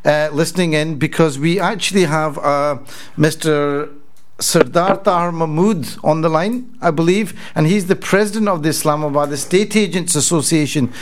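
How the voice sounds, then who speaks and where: Smooth, higher-voiced male radio host. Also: normal speed. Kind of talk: live radio phone-in hosting.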